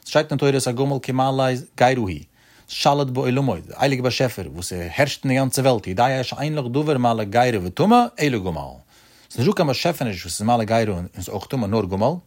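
A man gives a religious law lesson at a middle pitch. He teaches in a sing-song study cadence that rises on his rhetorical questions, then drops back to explain. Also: animated, quick pace, darkish tone.

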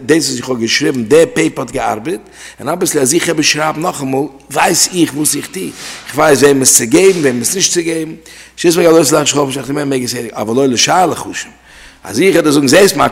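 A man's voice: on the high side, gravelly, slightly rough, in a large hall. A man giving a religious study lecture, explaining and restating his points and mixing in Hebrew terms and English words.

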